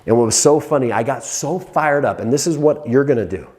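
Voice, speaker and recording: A man, a hypnotist and coach, giving a fired-up motivational monologue who swears casually and jumps high in pitch when excited. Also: brisk.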